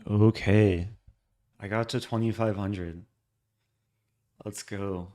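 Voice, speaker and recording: A man giving casual live commentary as a chess streamer, low-key and thinking aloud in short fragments. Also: fairly even intonation, takes it slowly, dark tone, faint music behind.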